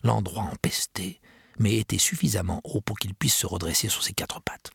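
A man reading a children's storybook aloud with expressive, lively storytelling. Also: lowish voice, normal speed, gravelly, slightly rough, no room sound, in a whisper, clean studio sound. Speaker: narrator.

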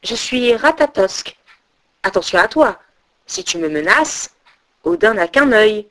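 A woman's voice: mid-range voice, very animated, measured pace, a bit bright. A woman voicing a mocking, boastful male squirrel in a storybook tale. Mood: threatening. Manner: taunting, boastful.

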